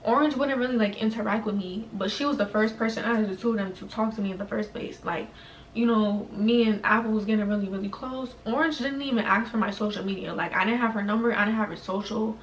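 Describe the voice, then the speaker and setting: A woman's voice: mid-range voice, fast talker. Chatty young New woman, roomy echo. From New York, USA. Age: young adult. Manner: slangy, chatty, heavy use of "like". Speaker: vlogger. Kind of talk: casual storytime chat. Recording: roomy echo, mic at a distance, faint room noise.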